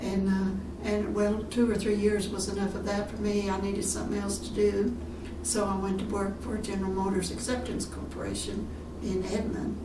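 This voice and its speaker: Older woman, unhurried with fillers, roomy distant recording, background noise. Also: medium pitch, level tone. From Texas. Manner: unhurried, many fillers and restarts. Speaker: retirement community resident. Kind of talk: recorded oral history interview. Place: room in a retirement community.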